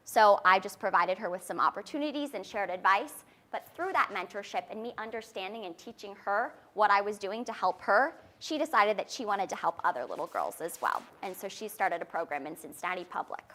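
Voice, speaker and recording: A young woman giving a confident startup pitch as a founder, explaining things earnestly in a presentation style. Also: lively intonation, fairly quick, hardly any pauses, sharp tone.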